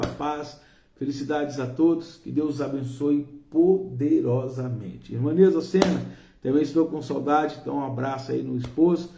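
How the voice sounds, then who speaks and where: A Brazilian pastor leads a fervent, rhythmic prayer on a live stream, naming his flock one by one. His man's voice is deeply mellow and dark at a middle pitch. It rings with the echo of a bare room. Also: gravelly, a little hiss or hum. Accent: Brazilian Portuguese. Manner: fervent, rhythmic intercessory prayer listing names.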